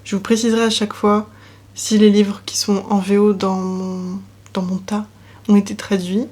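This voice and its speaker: Breathy young woman chatting about books. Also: mid-range voice, little pitch movement, normal speed. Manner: chatty, with soft trailing asides. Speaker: book vlogger. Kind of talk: casual chat presenting books. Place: at home in front of bookshelves.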